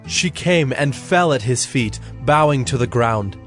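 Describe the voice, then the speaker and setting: A man narrating scripture in a measured, even reading voice. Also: medium pitch, faint music behind. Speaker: scripture reader.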